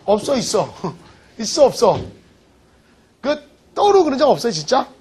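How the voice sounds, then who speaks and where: A man with a fairly high, slightly husky voice teaching a vocabulary class. He jokes around, teases his students and keeps firing rhetorical questions at them. He sounds like a casual, playful lecturer. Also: sing-song, normal speed, a little mellow. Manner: jokey, teasing, quizzes students with rhetorical questions. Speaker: English teacher. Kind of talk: lively online lecture.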